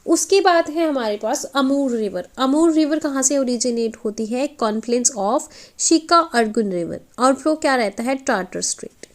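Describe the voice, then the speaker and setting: Woman, high voice, teacher, exam-prep lecture, asks and answers her own questions. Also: normal speed, few pauses. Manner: question-and-answer teaching, frequent check-ins.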